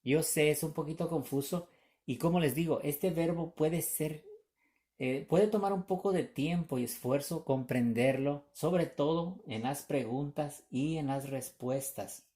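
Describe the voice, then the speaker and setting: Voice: mid-range voice, a little slow, warm tone. An English teacher giving a recorded grammar lesson, explaining patiently, repeating examples and often checking whether students follow.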